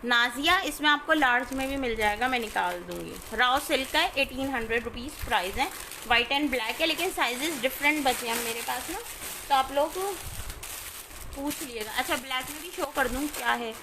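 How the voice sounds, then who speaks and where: A woman, chatting informally as she sells clothes on a live stream and often checking in with her listeners, over clear background noise. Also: high voice, normal speed. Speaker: live online clothing seller. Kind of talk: casual live shopping sales chat.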